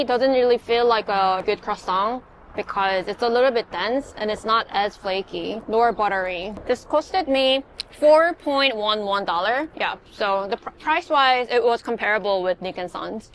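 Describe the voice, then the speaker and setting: A woman food vlogger chatting casually as she tastes pastries on city streets, with many fillers and pauses. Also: medium pitch, a bit bright, a little hiss or hum. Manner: chatty, savoring, filler-heavy. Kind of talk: casual food vlog commentary. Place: outdoors on city streets and in bakeries.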